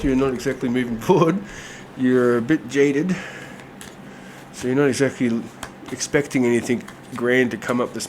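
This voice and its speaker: Congested and nasal from a cold, this tarot reader speaks in a mid-range voice, keeping the reading loose and conversational. Fillers crop up often, and a bit of background noise sits behind him.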